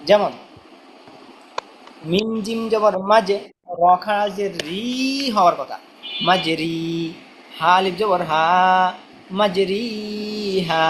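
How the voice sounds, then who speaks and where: A Quran reading teacher speaks at a middle pitch. The teacher spells each letter out slowly and repeats it again and again, asking a question and then answering it. There is a faint hum of noise behind the voice. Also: poor audio. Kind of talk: spelling-drill lesson.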